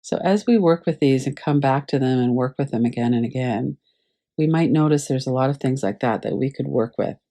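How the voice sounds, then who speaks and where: A woman teaching a class over a video call, gently guiding listeners through a visualization with unhurried pauses. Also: a bass voice. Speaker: meditation teacher.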